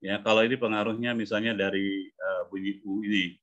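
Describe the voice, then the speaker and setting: Low-voiced man teaching pronunciation online. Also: flat delivery, a bit bright. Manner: explains patiently, models English words slowly. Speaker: English pronunciation coach. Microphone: video call. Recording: muffled video-call audio.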